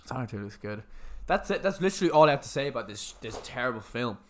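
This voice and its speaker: Speaking fast and animated at a medium pitch, this man has a cold-stuffed nose as he co-hosts a laid-back podcast. He's reviewing a movie casually, complaining bluntly in a sweary, grumbling way.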